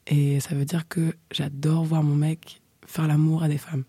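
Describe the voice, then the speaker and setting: A young woman chatting frankly into a close mic, her voice husky and breathy, often sinking to a half-whisper between fillers. The tone is dark and mellow, and the room sounds dry and dead. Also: sits low, level tone, measured pace, no room sound. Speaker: storyteller guest. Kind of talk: casual chat, personal anecdote.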